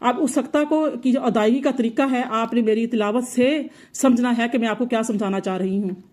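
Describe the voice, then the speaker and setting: Female recitation teacher, higher-pitched, patient and repetitive delivery. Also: darkish tone. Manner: patient, repeats points slowly. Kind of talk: explanatory tajweed lesson.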